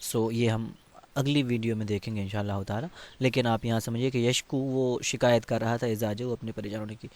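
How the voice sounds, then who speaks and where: A man's voice: mid-range voice, fairly even intonation, a little mellow. A man teaching an Arabic text. He reads each line, then translates and explains it, with many hesitant fillers.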